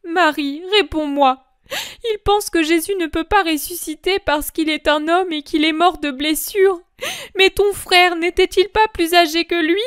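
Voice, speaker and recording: Desperate weeping mother of jesus, woman doing her, pleading, voice cracking, very high. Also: fairly even intonation, measured pace, a bit bright, no room sound, studio quality. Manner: sobbing, imploring, breaking voice. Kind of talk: dramatic religious reading.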